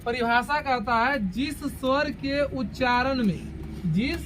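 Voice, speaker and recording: A woman teaching a grammar lesson, dictating slowly and repeating each phrase, often asking the class to say key terms back to her. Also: sits high, fairly bright tone, slight background noise. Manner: slow, repetitive, asks the class to echo key words back.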